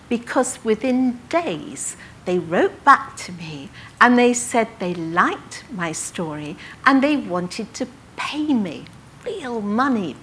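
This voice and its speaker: An older woman from England recounting her early writing career to an audience, in a lively anecdotal way with quoted dialogue. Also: mid-range voice, a little hiss or hum. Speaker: author telling her life story. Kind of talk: storytelling talk to an audience.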